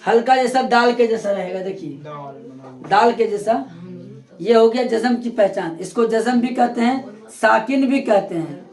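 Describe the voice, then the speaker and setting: A man's voice: very high voice, measured pace. A male teacher giving a classroom grammar lesson, repeating terms and quizzing his students. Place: classroom with a board. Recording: echoey classroom.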